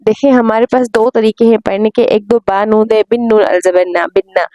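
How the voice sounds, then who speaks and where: Woman recitation teacher, slightly high, mellow voice, patient, spells each letter out and stretches recited syllables. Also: dry recording, dull audio. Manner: patient, spells out letters and vowel marks slowly. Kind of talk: tajweed lesson.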